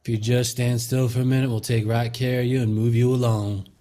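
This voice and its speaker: A man's voice: mid-range voice, little pitch movement, brisk, mellow, lightly acted. A man playing a cocky gunslinging stranger in a tabletop game, folksy and mockingly polite. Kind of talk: tabletop role-play in character.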